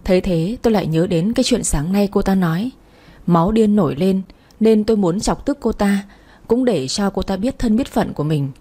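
A woman's voice: medium pitch, lively intonation, normal speed, mellow. A woman reading a first-person romance story aloud, voicing every character herself. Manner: reads all characters' dialogue in one voice. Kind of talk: first-person audiobook narration.

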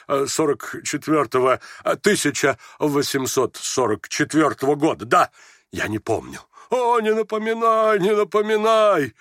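A man voicing a distraught old drunken army general who rants in slow, stammering, theatrical exclamations. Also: a little high, a bit bright, dry recording, clean studio sound. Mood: rambling. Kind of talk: audiobook character voice.

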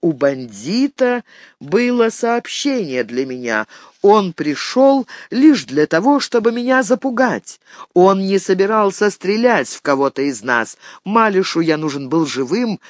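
A man reading a first-person audiobook in a measured, tense storytelling voice. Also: high-pitched, sing-song, no room sound, studio quality. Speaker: audiobook narrator.

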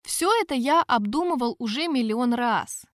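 A woman's voice: on the high side, expressive, normal speed, fairly bright tone, no echo. Wry first-person audiobook reader, woman, raised voice, dead-dry booth. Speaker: audiobook narrator.

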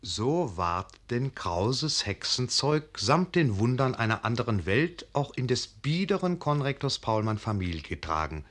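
An actor as the wry literary narrator of a radio play, telling it vividly with measured emphasis. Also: male voice, mid-range voice. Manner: measured emphasis, addresses the listener. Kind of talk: dramatic storybook narration.

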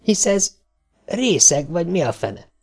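A man's voice: on the high side, gravelly, soft background music, pitched above the performer's own voice, heavily acted. Man voicing a hot-headed astronaut. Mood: exasperated. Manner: shouting, excitable.

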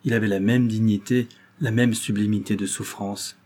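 A man narrating a classic novel in an even, literary reading style. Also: on the low side, moderate pace. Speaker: audiobook reader.

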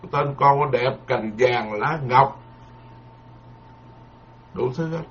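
A man's voice: medium pitch, slow pace. A man, a Buddhist monk giving a dharma lecture in a folksy, repetitive, emphatic way, full of proverbs. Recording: dull lo-fi lecture recording.

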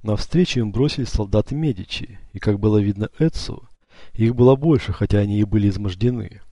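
Low, dark-voiced male narrator. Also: a little fast, no room sound. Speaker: audiobook narrator. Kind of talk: scripted narration.

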